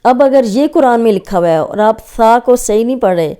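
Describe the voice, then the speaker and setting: Stretching single letters out so learners hear exactly how each is said, a female Quran recitation teacher leads a recorded tajweed lesson with patience. Her voice is fairly high and expressive, while staying warm, mellow and smooth.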